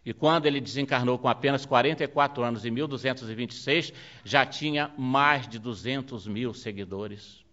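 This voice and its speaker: A man's voice: mid-range voice, normal speed, a bit bright. A man preaching a sermon, telling a story in a dramatic, emphatic way. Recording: dull lo-fi recording.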